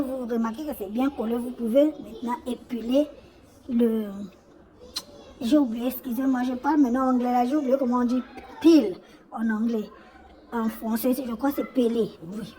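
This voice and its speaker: Higher-pitched woman, noisy recording. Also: mellow. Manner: repeats words and phrases often. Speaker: sewing tutorial host. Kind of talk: casual spoken demonstration.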